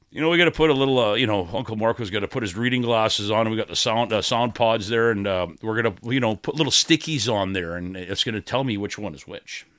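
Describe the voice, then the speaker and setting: A man's voice: lowish voice, quick pace, fairly bright tone, no room sound, clean studio sound. A man hosting a casual podcast, talking in a rowdy, irreverent, rambling and profane way. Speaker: podcast host.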